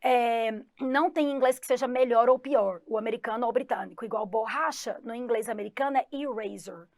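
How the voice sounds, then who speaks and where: Brief: chatty exam-prep teacher, woman, Goiás accent, slightly high voice, close dry mic. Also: fairly quick, no echo. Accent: Goiás Brazilian Portuguese. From Goiás, Brazil. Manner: lively, chatty, talks to students directly. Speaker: English teacher. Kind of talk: online exam-prep class.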